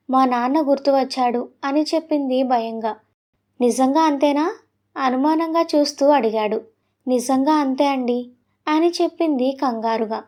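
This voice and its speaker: High-voiced woman telling a story. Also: a little mellow. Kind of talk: scripted narration of a romance story.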